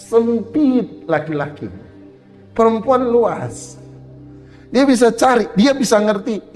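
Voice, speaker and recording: Give me a man preaching a playful sermon in a lively, swooping voice, in an echoing hall. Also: very high-pitched. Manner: joking and animated, acts out little quoted exchanges. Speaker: pastor. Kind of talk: humorous sermon to a women's gathering. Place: church hall.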